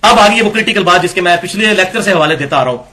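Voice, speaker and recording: Guy w doing a religious lecture, high pitched, keeps firing rhetorical questions. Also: expressive, bright, forceful tone. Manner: argumentative, rhetorical questions, critiquing texts. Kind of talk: Islamic lecture reading from books.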